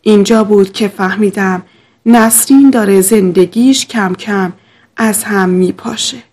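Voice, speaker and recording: A woman narrating a scripted first-person story in a steady, confessional way. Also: mid-range voice.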